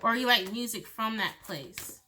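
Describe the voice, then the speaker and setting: A woman's voice: fairly high pitch, animated, normal speed, background noise. A woman giving a loose, chatty tarot reading, swearing freely and laughing between thoughts. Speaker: tarot reader. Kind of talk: casual tarot reading monologue.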